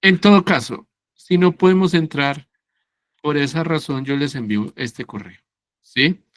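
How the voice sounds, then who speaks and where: A man teaching English in an online class, explaining slowly and patiently and often checking that his students follow along. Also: fairly high pitch, no room sound. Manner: slow, patient, checks understanding with "¿sí?" and "¿cierto?".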